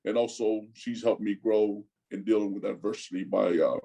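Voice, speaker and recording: Husky, mellow-voiced man from Tonga. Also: on the low side, fairly even intonation, rough recording. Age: 40s. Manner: halting, repeats words, says "man" a lot. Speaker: guest. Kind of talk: casual interview talk.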